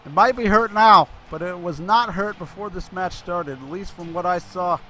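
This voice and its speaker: A man calling a wrestling show as play-by-play commentator. He talks excitably, tripping over names and correcting himself. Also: high voice, normal speed, a little hiss or hum.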